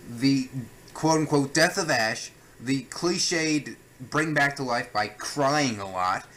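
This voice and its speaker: Young man, bright forceful voice, sarcastic ranting review chat, faint background hiss. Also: mid-range voice, low-quality recording. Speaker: reviewer co-host.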